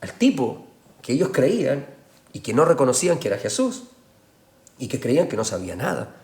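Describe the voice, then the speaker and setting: A man's voice: mid-range voice, very animated, normal speed, gravelly. Emphatic male pastor in an echoey hall. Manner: emphatic, swings between soft hushed passages and loud raised ones. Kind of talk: sermon. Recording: roomy echoey church sound.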